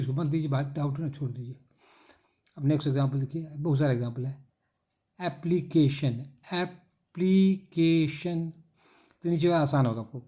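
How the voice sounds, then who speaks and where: Dark-voiced man drilling syllables in Hindi. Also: a little high. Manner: drills by repeated questions and answers, spells letters aloud; stretches out key words slowly. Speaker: English teacher. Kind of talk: classroom lecture.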